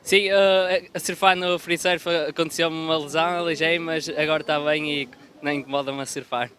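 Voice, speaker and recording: A man's voice: on the high side, steady tone, fast talker, fairly bright tone. A young man with a European Portuguese accent, an athlete answering questions in an outdoor post-heat interview. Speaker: competitive bodyboarder being interviewed. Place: outdoors at a surf contest.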